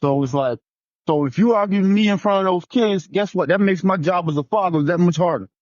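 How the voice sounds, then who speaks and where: A man's voice: high-pitched, brisk, darkish tone, no room sound, lo-fi sound. A man on a relationship panel, talking casually and rambling, often repeating himself. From New Jersey.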